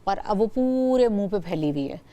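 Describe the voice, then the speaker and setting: A woman's voice: medium pitch, animated, normal speed, warm tone. Lady doctor explaining stuff on a talk show, drops english words in. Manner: explanatory, mixes in English terms. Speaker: doctor guest.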